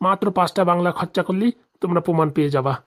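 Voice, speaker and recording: A man with a high, fairly bright voice talks very fast as a middle-aged village man in an animated comedy. The forty-year-old jilted husband schemes and fumes, muttering curses in folksy rural speech.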